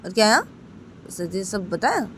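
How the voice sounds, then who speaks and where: A woman voicing an irritable, tomboyish young woman who talks in masculine forms, loud and snappy. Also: big pitch swings, fairly quick, slight background noise. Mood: irritated. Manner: snappy, raised pitch and loud.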